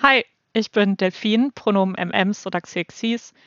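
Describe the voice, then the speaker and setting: A woman of twenty-eight from North Rhine-Westphalia, co-hosting a podcast and explaining things in a measured way. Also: medium pitch, fairly bright tone, no room sound, lo-fi sound. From North Rhine-Westphalia, Germany. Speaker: podcast co-host. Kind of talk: scripted podcast discussion.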